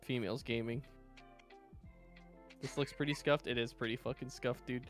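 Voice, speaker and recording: Male streamer, mid-pitched, casual foul-mouthed gaming banter. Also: steady tone, moderate pace, faint music behind. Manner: loose, joking, swears freely. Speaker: streamer playing with friends. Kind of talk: casual gaming chat on voice call.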